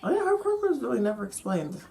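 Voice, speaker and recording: A woman's voice: a little high, very animated, fast talker, gravelly, a little mellow. A woman giving spontaneous, casual reaction commentary as she watches, with a slight lisp from a retainer. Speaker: host of an anime reaction channel.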